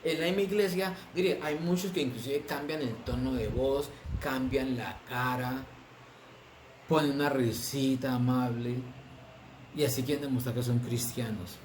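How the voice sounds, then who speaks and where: A man's voice: medium pitch, darkish tone, slight background noise. Preaching man in an echoey room. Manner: preaching with drawn-out stresses and rhetorical questions. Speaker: pastor. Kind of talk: sermon.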